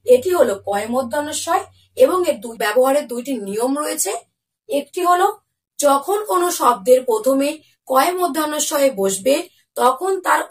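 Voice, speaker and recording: A woman teaching a Bengali lesson to young children. She asks the pupils questions and answers them herself, and says each example word slowly and clearly. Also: high-pitched, recorded from a distance.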